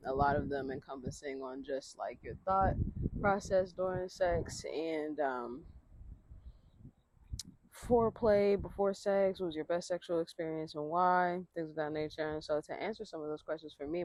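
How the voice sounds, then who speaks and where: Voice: medium pitch, a little slow, a little mellow, dry recording. A podcast host chatting casually outdoors in a rambling, slangy way, laughing between thoughts. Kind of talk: casual solo podcast talk.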